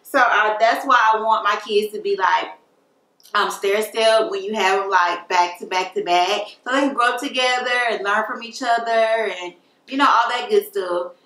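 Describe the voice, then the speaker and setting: A woman's voice: medium pitch, normal speed, pushed and bright. A woman in her late twenties chatting casually as a vlogger in a question-and-answer video, upbeat and full of fillers. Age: late 20s. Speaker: beauty vlogger. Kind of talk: casual Q&A chat. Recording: echoey room, mic at a distance.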